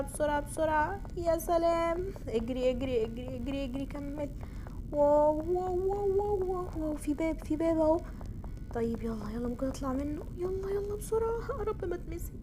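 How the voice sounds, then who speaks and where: Excitable Egyptian woman gamer, high voice. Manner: excitable, shrieks and repeats words in bursts. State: out of breath. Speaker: gaming channel host. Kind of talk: horror game let's-play commentary.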